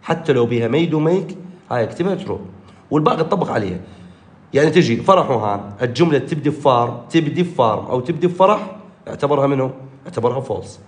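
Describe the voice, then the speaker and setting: A male teacher with an Iraqi Arabic accent, giving an exam review lesson and repeating key points with lively jumps in pitch. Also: very fast, echoey room. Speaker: English teacher.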